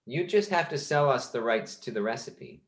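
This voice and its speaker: A man's voice: medium pitch, animated, moderate pace, roomy sound, close to an everyday voice. A man playing a polite, scheming young time traveler who stammers eagerly.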